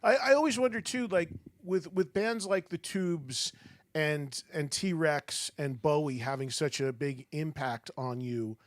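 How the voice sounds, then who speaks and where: A man's voice: fairly high pitch, measured pace, no room sound. A man, asking questions as an interviewer in a conversational radio style.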